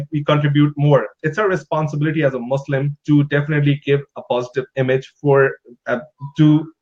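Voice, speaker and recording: A man hosting an online talk show interview, agreeable and hesitant, often pausing on fillers. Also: on the high side, lo-fi sound. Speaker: host.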